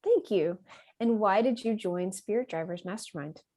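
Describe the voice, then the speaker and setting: A woman's voice: medium pitch, moderate pace, dark tone. A woman interviewing a member, asking short questions and murmuring along as she listens. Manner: brief prompts and murmured acknowledgements. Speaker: interviewer, community host.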